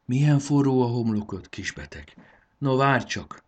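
A man voicing a kind little fairy girl who fusses gently over a sick creature. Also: medium pitch, expressive, pitched above the performer's own voice, lightly acted. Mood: tender.

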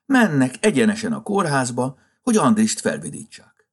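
A man's voice: medium pitch, husky, voice pushed up. A man voicing a grumpy, flustered old Santa Claus in a storybook reading, with a scolding, impatient manner. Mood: excited. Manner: scolding, then tender and excited.

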